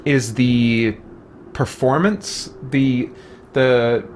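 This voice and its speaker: He talks extremely slowly and steadily at a medium pitch, a streamer fumbling for words as he plays a game and casually responds to viewer comments. There's faint music behind him and slight background noise.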